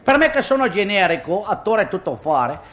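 Man, high-pitched, stand-up monologue, self-mocking, exclamatory. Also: sing-song, normal speed, a bit bright. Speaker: comic monologist.

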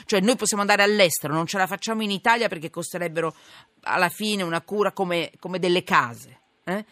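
A woman's voice: lowish voice, fairly quick, fairly bright tone, dry recording. A woman presenting a live current affairs radio show in an informal, emphatic way, wandering and repeating herself. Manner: informal, emphatic, digressive with repetitions. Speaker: radio host. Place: radio studio. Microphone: studio broadcast microphone.

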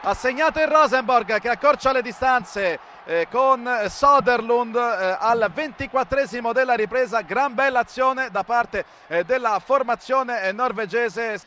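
Very high, bright, excited male football commentator. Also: unhurried, few pauses, slight background noise. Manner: excited, shouted goal calls. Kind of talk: live football goal commentary.

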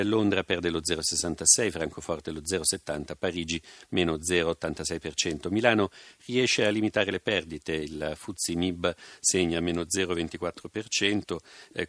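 Markets reporter, man, low register, factual radio report, dry acoustics. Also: a bit bright, dry recording. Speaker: financial news correspondent.

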